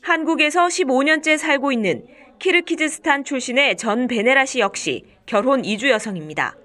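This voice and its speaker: A woman's voice: sits high, normal speed, fairly bright tone. A woman reporter reading scripted narration for a television news report.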